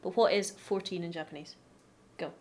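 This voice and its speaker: A woman's voice: lowish voice, steady tone, moderate pace. A woman co-hosting a casual chat, full of teasing banter. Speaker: co-host.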